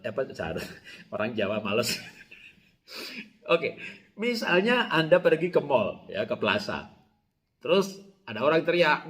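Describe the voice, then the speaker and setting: A middle-aged Javanese man preaching a sermon as pastor, telling stories with laughter and shouting out quoted lines. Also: sits high. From Java, Indonesia.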